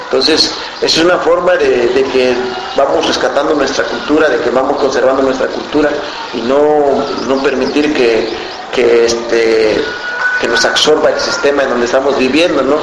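A man from the mountains of Guerrero, Mexico, with a Mexican accent and Mixtec as his first language, answering interview questions for a community radio station in an earnest, unhurried way. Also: mid-range voice, fairly even intonation. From Guerrero mountain region, Mexico. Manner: earnest, unhurried, often checking with "¿no?". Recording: roomy with background noise.

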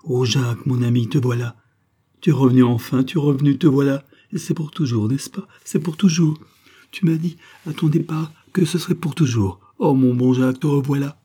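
A man's voice: mid-range voice, lively intonation, normal speed, warm tone, breathy edge. A man voicing a fragile young woman in an audiobook, overjoyed and near tears, pleading and repeating herself. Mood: joyful, tearful. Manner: pleading, repetitive, emotional. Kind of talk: audiobook character reading.

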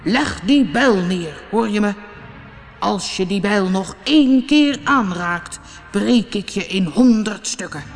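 A woman voicing a huge, angry one-eyed male troll who shouts threats in a storybook reading. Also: medium pitch, lively intonation, slow pace, big-room sound, faint music behind. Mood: furious.

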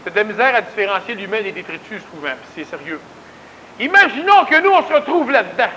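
A spiritual lecturer with a Québécois French accent gives a folksy, emphatic conversational talk, often repeating words for stress. His high voice is very animated, fast, bright and forceful. The audio is poor, with slight background noise.

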